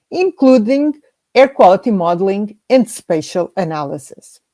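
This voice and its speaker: A woman from Portugal, a scientist, giving a prepared slide presentation in a measured way, reading through lists. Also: mid-range voice, dark tone.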